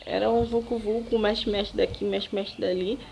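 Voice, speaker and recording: A young Brazilian woman vlogger telling a personal story to camera, animated and emotional, often laughing and acting out what people said. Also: mid-range voice, normal speed, vocal fry, highs cut off, slight background noise. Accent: Brazilian Portuguese. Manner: animated, emotional retelling with laughs and dramatic quotes.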